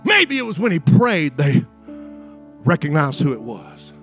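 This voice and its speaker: A male preacher delivers a revival sermon in a fairly high voice. His phrasing is dramatic and rhetorical, with repeated lines aimed straight at the congregation. Faint music plays behind him. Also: very animated. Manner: dramatic, building from hushed, drawn-out phrases to high, sing-song cries; rhetorical repetition and direct address to congregation.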